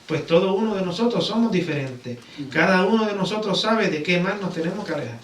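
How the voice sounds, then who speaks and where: This is a conversational sermon from a Puerto Rican man whose voice is high, expressive, and fairly quick. Preaching in a church sanctuary, he often tacks on rhetorical tag questions to seek agreement; a distant mic captures roomy sound and background noise.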